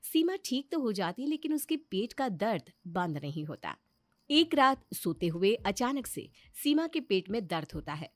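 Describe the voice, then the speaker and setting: A woman narrating a children's story in an expressive, sing-song way. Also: mid-range voice, normal speed.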